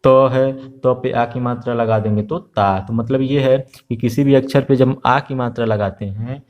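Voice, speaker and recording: A man teaching an online Hindi lesson to young children, slow and patient, repeating each letter and sound with many filler sounds. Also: medium pitch, steady tone, lo-fi sound.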